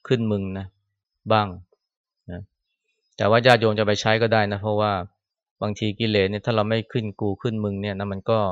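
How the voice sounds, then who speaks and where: Male monk preaching informally in a temple hall; dry, muffled recording. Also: on the low side. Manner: conversational, ends phrases with a soft particle, acts out scolding quotes. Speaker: Buddhist monk giving a Dhamma talk. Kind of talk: sermon. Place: temple hall after chanting.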